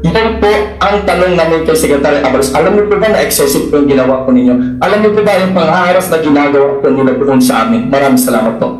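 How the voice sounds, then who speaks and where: A man's voice: a little high, lively intonation, quick pace, few pauses. A man speaking as a church minister at a formal hearing, very deferential with constant "po" and "Your Honor" while pressing pointed questions. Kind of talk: impassioned formal testimony. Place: large hearing room. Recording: very echoey hall with faint music.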